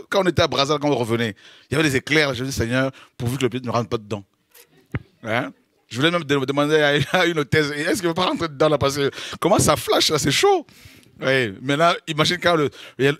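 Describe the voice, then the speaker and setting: A man preaching a lively sermon, exclaiming, making dramatic sound effects and laughing between points. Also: a little high, no room sound, studio quality. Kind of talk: animated sermon.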